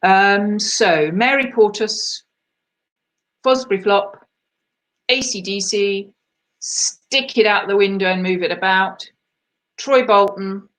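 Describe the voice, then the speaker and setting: A woman's voice: mid-range voice, takes it slowly, pauses often, fairly bright tone. Chatty woman hosting an online quiz. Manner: chatty and self-deprecating, laughs at herself. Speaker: quiz host.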